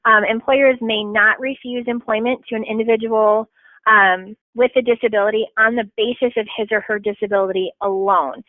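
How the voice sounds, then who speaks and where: A woman's voice: medium pitch, no room sound. Woman presenting a webinar over a thin line. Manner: chatty, quick, self-deprecating, frequent ums. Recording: tinny phone-like line.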